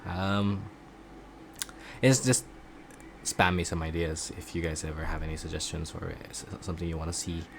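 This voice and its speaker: A man chatting casually in a video diary about his voice acting classes, rambling and halting, often poking fun at himself. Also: sits low, steady tone, vocal fry, noisy background. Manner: self-deprecating. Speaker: voice acting student vlogger.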